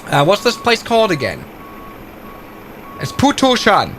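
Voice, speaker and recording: Soft music plays in the background as a man with a high, fairly bright voice casually commentates a flight simulator stream. His pitch swoops wildly, and he takes his time, narrating each step aloud and fixing his own mistakes as he goes.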